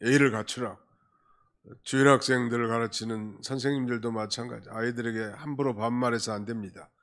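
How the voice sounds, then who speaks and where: A male pastor delivering a Sunday afternoon sermon in a conversational tone, with emphatic rises and quiet asides. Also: medium pitch, steady tone, fast.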